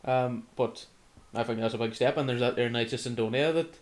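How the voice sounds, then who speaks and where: A man's voice: mid-range voice, fairly even intonation, brisk. A young man, co-hosting a casual chat in an easygoing way. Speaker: podcast co-host.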